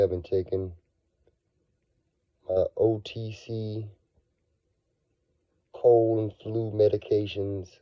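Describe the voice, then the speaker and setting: A finance vlogger, hoarse and raspy from a cold, chats casually with viewers about money in a video monologue. His slow, drawn-out delivery sinks into low murmurs, then rises in excited bursts. The lo-fi home recording is dry, close and somewhat dull, with no room sound.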